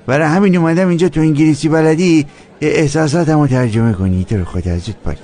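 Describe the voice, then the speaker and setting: A man's voice: on the high side, warm tone, lightly acted. A man dubbing a boastful, lovestruck character in a TV drama. He talks in a pleading, teasing, theatrical way. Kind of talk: dubbed TV drama acting.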